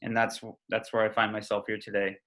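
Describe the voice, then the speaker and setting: A man's voice: on the low side, completely flat delivery, brisk, pushed and bright, poor audio. A man in his thirties, a candidate speaking casually in an interview over a video call, with many ums and restarts. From Puerto Rico, raised in Omaha. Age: 30s. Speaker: legislative candidate.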